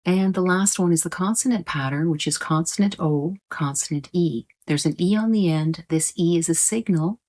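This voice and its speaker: A woman's voice: lowish voice, moderate pace, hardly any pauses, darkish tone. A woman teaching English pronunciation in a patient, explanatory way, repeating points and stretching out vowel sounds to demonstrate them. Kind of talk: slow explanatory lesson.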